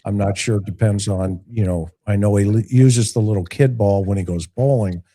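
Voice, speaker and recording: A man's voice: on the low side, normal speed, warm tone. A man hosting a live call-in show, giving casual, opinionated commentary in a blunt, folksy way with rhetorical asides. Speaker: talk show host and investigator.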